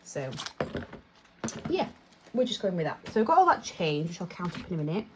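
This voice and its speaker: Brisk and very animated, a young British woman from the UK, a vlogger, chats and rambles in a lowish voice as she counts and sorts her cash, laughing at herself. The background is noisy.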